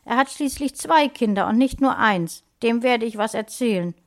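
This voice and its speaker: A woman's voice: fairly high pitch, expressive, moderate pace. A woman voicing a stern mother in her late thirties who scolds her children firmly. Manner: firm scolding tone.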